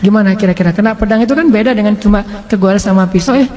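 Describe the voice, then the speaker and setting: A man's voice: sits high, racing, big-room sound. A male Islamic preacher telling a sermon story in a casual, humorous, colloquial way. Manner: lively, humorous, colloquial, with frequent laughs and restarts.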